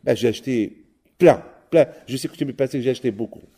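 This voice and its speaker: A patient old wife, voiced by a man in a sermon story. She answers plainly and matter-of-factly with a mellow, dark tone. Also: mid-range voice, quick pace, husky.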